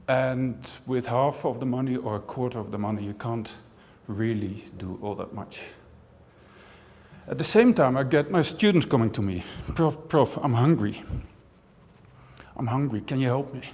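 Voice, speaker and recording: A man's voice: medium pitch, moderate pace. Dutch-raised man lecturing in a big hall. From Netherlands. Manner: lively, conversational, with dry jokes and frequent "right?". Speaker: university professor and speaker. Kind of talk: conference talk to an audience. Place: large auditorium. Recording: long hall reverb from a large auditorium.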